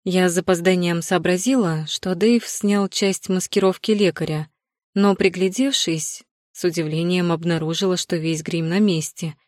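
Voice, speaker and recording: A woman narrating a fantasy novel in the first person with an even, composed delivery. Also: on the low side, moderate pace, dry recording, clean studio sound. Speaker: audiobook narrator.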